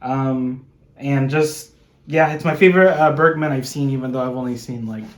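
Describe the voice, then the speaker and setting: A man's voice: mid-range voice, moderate pace. A man chatting casually about films, rambling with fillers and the odd swear word, recorded at home. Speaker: guest showing his film haul. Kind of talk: casual film chat. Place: room in a home. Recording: roomy echoey room.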